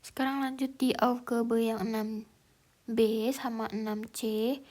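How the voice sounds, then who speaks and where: Woman tutor, fairly high voice, unhurried, thinks aloud, casual lesson delivery. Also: flat delivery, darkish tone. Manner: slow, hesitant, thinking aloud with fillers. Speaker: German language tutor.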